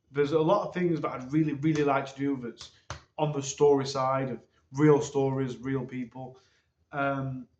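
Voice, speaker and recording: A man hosts his own channel and gives his viewers a loose, hesitant update, often pausing on ums. He is recorded on a low-quality phone. The sound is dull and muffled, and the room echoes around his mid-pitched voice. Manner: hesitant, rambling, many ums. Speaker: channel host.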